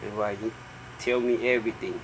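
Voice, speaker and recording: A middle-aged man from Thailand with a Thai accent answers interview questions in halting, simple English with short broken phrases, as a native Thai speaker. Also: on the low side. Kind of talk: informal oral history interview. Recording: noisy room with steady background hum.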